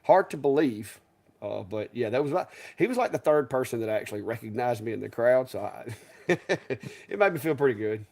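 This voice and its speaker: A man's voice: medium pitch, animated, normal speed, vocal fry, a little mellow. Guy cohosting a live show, rambly folksy chat, regular mid voice. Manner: rambling, folksy, restarts and chuckles. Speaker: co-host. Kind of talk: casual live-stream chat.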